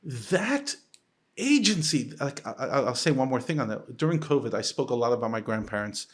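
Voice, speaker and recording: Man, rabbi, from the United States, podcast guest, casual conversation, animated, restarts and repeats words, mid-pitched voice. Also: moderate pace, breathy edge. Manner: animated, lifts his pitch sharply when quoting others.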